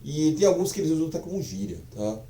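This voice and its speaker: A man's voice: a little high, sing-song, fast talker, warm tone, echoey room, recorded from a distance. A man teaching a casual online language lesson, chatty and profane, full of fillers.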